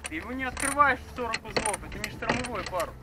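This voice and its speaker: A man's voice: extremely high pitch, fast talker. A man sailing a yacht, explaining things in a casual, matter-of-fact way. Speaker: sailor, co-host. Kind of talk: casual chat. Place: sailing yacht at sea, outdoors. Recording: loud wind and boat noise.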